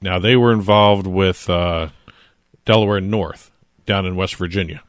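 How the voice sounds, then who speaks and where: A man with a New Jersey accent talks casually as a podcast co-host, his voice sitting very low. He explains things at length, full of "uh" and "you know". The sound is dry and close. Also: steady tone, unhurried, no echo. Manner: explains at length, chatty with fillers. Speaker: co-host, trademark attorney.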